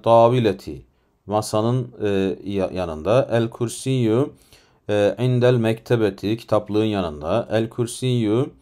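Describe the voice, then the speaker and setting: A man's voice: mid-range voice, dark tone. A man with a Turkish accent teaching an Arabic lesson, explaining patiently step by step with rhetorical questions and frequent fillers.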